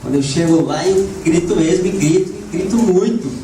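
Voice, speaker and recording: A slightly hoarse man preaching a lively sermon to a congregation, often asking "né?" and rising into shouts. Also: high-pitched, normal speed. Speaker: evangelist preacher. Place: church hall. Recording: echoey church room, voice from far off, background noise.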